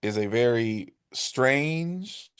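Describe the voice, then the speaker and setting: A man's voice: medium pitch, lively intonation, very slow, smooth. A man co-hosting a podcast in casual chat, playful and repeating phrases for emphasis. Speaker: podcast co-host.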